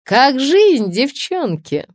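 A woman's voice: big pitch swings, drawn-out words, no room sound, clean studio sound, exaggerated voice. A woman reading an audiobook, voicing a drunken, spiteful female writer who jeers and drawls. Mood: mocking. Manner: shrill, jeering and drawling. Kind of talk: audiobook character voice.

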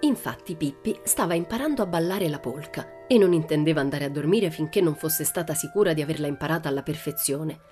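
A woman from Italy reading a children's story aloud, narrating in a lively, expressive way. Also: low voice, a little fast, hardly any pauses, faint music behind. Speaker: audiobook reader. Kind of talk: scripted narration.

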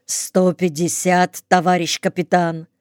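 A woman voicing a desperate young male soldier who shouts and pleads in bursts, in an audiobook. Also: lowish voice, little pitch movement, measured pace, smooth, no echo, clean studio sound, natural voice. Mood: shaken.

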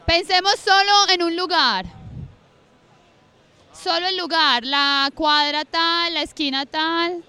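Woman, workshop facilitator, high bright voice, chatty and self-amused, outdoors on a handheld mic. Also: slow. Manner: chatty, repeats instructions, laughs at herself. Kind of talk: guiding a group writing exercise. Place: outdoor park. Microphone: handheld mic, often held away.

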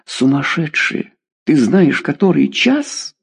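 A man's voice: wildly swooping pitch, normal speed, creaky, warm tone, breathy edge, heavily acted. A man reading a story aloud, voicing a middle-aged mother who is frantic and scolds her daughter. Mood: scolding. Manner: shrill, exasperated.

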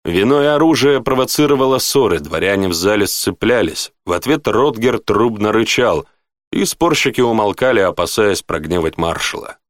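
Lively low-voiced male audiobook narrator. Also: normal speed, no room sound, clean studio sound. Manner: shifts pitch up for dialogue characters.

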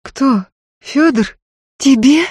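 A shaken young gentlewoman, as a female reader voices her, raised in pitch above the reader's own voice. She speaks in halting, incredulous questions. The recording is close and dry. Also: no room sound. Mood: disbelieving. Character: young genteel lady, shaken and tense.

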